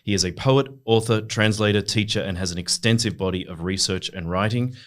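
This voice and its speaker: A polite, formal man hosts a podcast interview. His voice sits on the low side and he speaks with courteous care. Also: a little fast. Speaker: podcast host. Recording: audio podcast.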